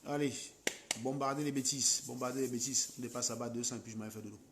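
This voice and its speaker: A man's voice: mid-range voice, steady tone, quick pace, noisy background. A man with a Cameroonian French accent, talking to his viewers on a late-night live stream and scolding commenters. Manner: scolding, combative, mocking commenters.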